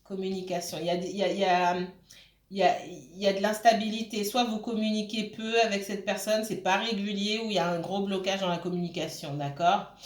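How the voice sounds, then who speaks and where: With a medium-pitched, fairly even voice, the woman, a tarot card reader, talks fairly quickly through a casual reading. Her speech is halting, with many fillers and restarts, she keeps checking in with her listeners, and a roomy echo fills the recording.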